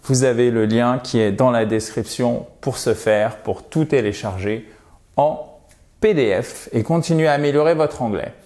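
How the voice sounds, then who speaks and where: A man with a mid-range, slightly mellow voice teaches a pronunciation lesson as an English teacher. He repeats words slowly in careful drills with pauses, speaking directly to his viewers in a lightly teasing tone.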